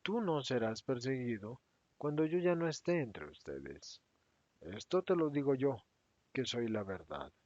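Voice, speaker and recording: Jesus, a man voicing a calm, grave teacher. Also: dry recording. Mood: serene stern. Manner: calm, grave, measured, low-voiced. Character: serene, stern adult male teacher Jesus. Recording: dry, slightly dull recording.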